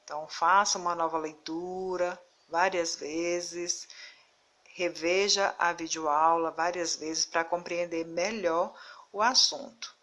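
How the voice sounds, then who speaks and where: A woman teacher talks through a recorded video lesson in an unhurried, careful way. Her voice is bright and a little low in pitch, and she leans on the stressed syllables as she reads word lists. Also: steady tone. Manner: slow, deliberate, stressing syllables while reading word lists.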